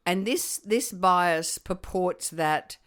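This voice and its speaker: Aussie woman podcast host, middle aged, low hoarse voice, slow n emphatic, chatting away with a cold. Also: a bit bright. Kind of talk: conversational podcast talk.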